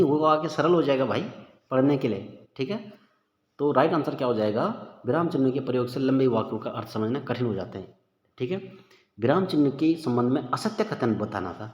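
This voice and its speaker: A man teaching a casual exam-prep lesson, chatty and informal, calling listeners "bhai" and thinking aloud as he works through the questions. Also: medium pitch. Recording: echoey room with long reverb, dull lo-fi sound.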